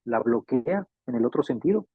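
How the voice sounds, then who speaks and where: A man's voice: medium pitch, lively intonation, moderate pace, breathy edge, no echo. A man teaching a classroom lecture on electronics, patiently repeating points and checking that students follow. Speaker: refrigeration electronics instructor. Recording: tinny phone-like dry sound.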